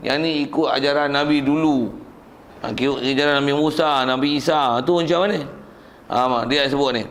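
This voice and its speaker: A man's voice: fairly high pitch, a little fast, fairly bright tone, slight background noise. A man with a Malaysian Malay accent teaching a religious class, conversational and joking, asking and answering his own questions. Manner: jokes with the class.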